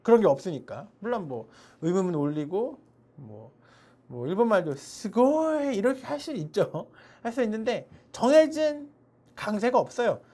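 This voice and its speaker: A woman teaching an online English pronunciation lesson, explaining and demonstrating letter sounds slowly and repeatedly. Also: medium pitch, sing-song, mellow.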